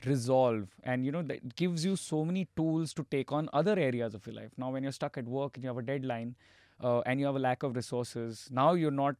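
A man with an Indian accent giving casual, explanatory talk in a halting way as a podcast guest. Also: medium pitch, darkish tone, dry recording, clean studio sound.

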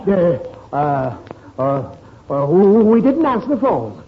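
An actor playing a sheepish husband fumbling alibis after coming home late, in 1940s radio acting. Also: male voice, on the high side, big pitch swings, slow pace, exaggerated voice. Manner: hesitant, evasive. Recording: muffled old radio recording with audible hiss.

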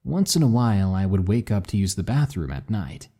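A man narrating spooky stories in a slow, hushed, dramatic way. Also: on the low side, very animated. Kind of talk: scripted story narration.

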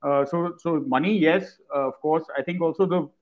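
A man's voice: fairly high pitch, normal speed, lo-fi sound. A man with an Indian accent speaking as a guest in a casual panel discussion.

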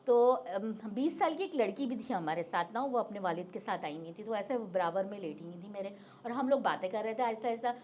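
A woman's voice: mid-range voice, lively intonation, brisk, hardly any pauses, a little mellow, a little hiss or hum. A middle-aged woman recounting a personal experience in casual, vivid detail as an interview guest. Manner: vivid, detailed retelling with acted-out quotes. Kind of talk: casual spoken storytelling.

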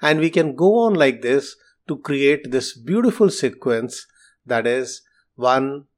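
A man hosting a podcast, explaining math in a calm, methodical, teacherly way. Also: mid-range voice, slow pace.

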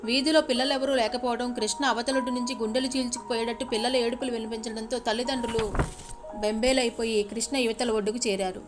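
A woman's voice: on the high side, fairly even intonation, fast, music in the background. A woman storyteller narrating a tale expressively and addressing her listeners politely.

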